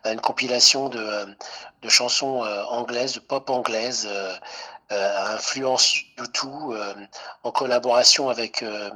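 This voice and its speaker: A man's voice: mid-range voice, sharp tone, breathy edge, poor audio. A middle-aged man from Italy, a singer-songwriter guest on a radio interview, speaking hesitantly with many fillers and restarts.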